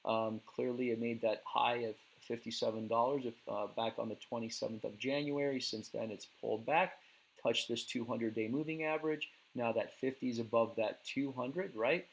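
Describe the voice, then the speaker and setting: This relaxed stock market recap comes from a man whose voice is mid-range, creaky, and failing as he goes. He speaks at a moderate pace with many fillers and restarts, and the audio quality is poor.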